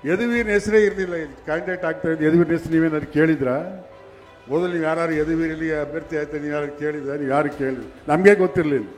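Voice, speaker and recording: A man with a Kannada accent speaks to reporters, firing off rhetorical questions. His voice is fairly high, with faint music underneath.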